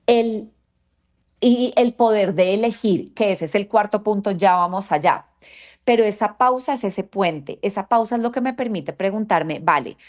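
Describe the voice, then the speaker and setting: A woman's voice: mid-range voice, a little mellow. A woman explaining ideas in a podcast conversation, reflective and full of rhetorical questions. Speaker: guest speaker. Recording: dull lo-fi sound.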